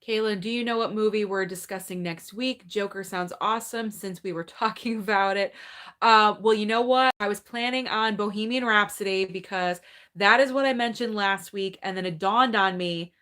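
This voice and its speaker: A woman in her thirties hosts a casual live movie Q&A from home, her medium-pitched voice pushed and bright at a normal speed. Chatty and upbeat, she reads viewer comments and thinks aloud.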